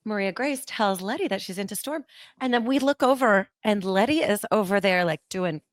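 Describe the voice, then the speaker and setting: A woman's voice: medium pitch, normal speed, dry recording. A woman podcast host in casual chat, telling stories animatedly and acting out what people said. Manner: animated storyteller, acts out quotes.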